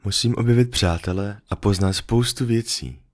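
A man's voice: on the low side, pitched above the performer's own voice, close to an everyday voice. A man reading a storybook, voicing a small, curious boy prince who asks simple, sincere questions.

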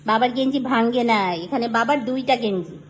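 A woman's voice: fairly high pitch, fairly quick, slight background noise, low-quality recording. A young mother at home playfully questioning and teasing her small child, filmed on a phone. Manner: teasing, sing-song questioning, often laughing. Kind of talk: playful home video chat with a toddler.

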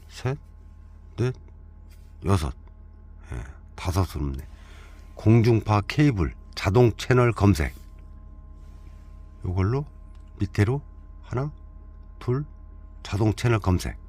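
A man's voice: on the low side, animated, takes it slowly, long pauses, a little mellow, husky. A man giving a joking, chatty hands-on walkthrough of a camper van, counting steps aloud as he goes. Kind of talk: casual hands-on product walkthrough.

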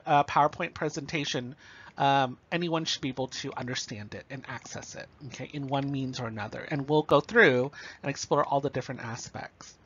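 A man with a slightly higher voice delivers a recorded lecture, explaining each point plainly and checking in with "okay" and "right". The recording is a bit muffled and lo-fi. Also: fairly bright tone, breathy edge.

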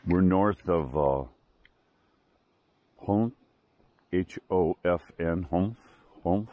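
A man in his sixties chatting casually in a travel vlog, relaxed and enthusiastic, recorded outdoors on a camera mic. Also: deep voice, extremely slow. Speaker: travel vlogger. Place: outdoors by a glacier lagoon and roadside.

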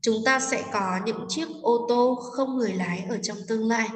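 A woman teacher patiently explaining a textbook exercise to students, often pausing with fillers and asking if they follow. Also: fairly high pitch. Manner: patient, explanatory, with frequent hesitation fillers and check-in questions. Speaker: English teacher. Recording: echoey room, mic far off, faint noise.

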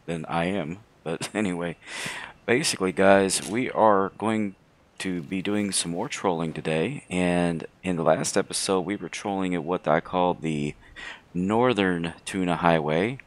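A man with a slightly hoarse voice giving casual, unhurried, low-voiced commentary as host of a gaming video. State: hoarse from throat trouble.

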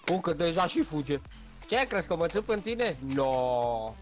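Man in game voice chat, teasing, lively swings in pitch, music playing clearly behind. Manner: teasing, excitable banter. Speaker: friend in voice chat. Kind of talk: casual gaming chat.

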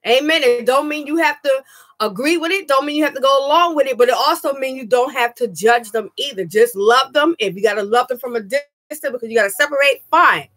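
Woman, pastor, sermon, higher-pitched, slightly scratchy throat, earnest, frequent amens. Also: brisk, a bit bright. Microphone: webcam. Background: music.

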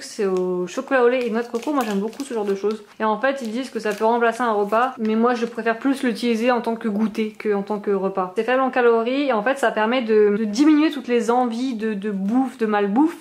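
Chatty young French woman, higher voice. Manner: chatty, lots of fillers and little laughs. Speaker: vlogger. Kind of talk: casual shopping haul chat. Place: at home, moving to the kitchen.

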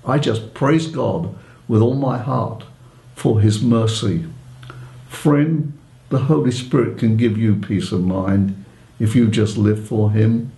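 A man's voice: fairly low pitch, slow, creaky, warm tone, reverberant, low-quality recording. A man in his eighties giving an earnest, heartfelt personal faith testimony. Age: 80s.

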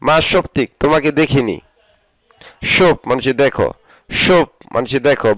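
A Bengali-speaking man teaching spoken Arabic, saying each phrase, repeating it slowly and translating it. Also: mid-range voice, a bit bright, no room sound. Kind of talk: spoken vocabulary lesson.

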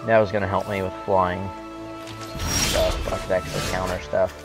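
Low-voiced young man, gameplay commentary. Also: a little slow. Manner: relaxed, wry, thinking aloud with fillers. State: hiccups. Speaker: gamer. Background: loud music.

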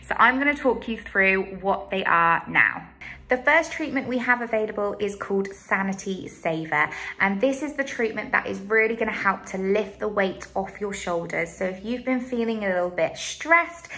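A woman in her thirties talks straight into a phone camera held close, in a small room. Her voice is bright and forward, and she sounds eager and gushing as she sells salon treatments. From England. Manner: upbeat, gushing sales pitch. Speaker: beauty salon owner. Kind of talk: promotional talk to camera. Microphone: phone camera at arm's length.

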